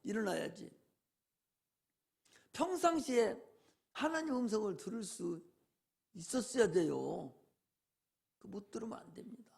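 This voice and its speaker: Gravelly folksy male pastor preaching. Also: high-pitched, lively intonation, measured pace, pauses often, darkish tone. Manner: folksy preaching with rhetorical questions. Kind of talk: sermon.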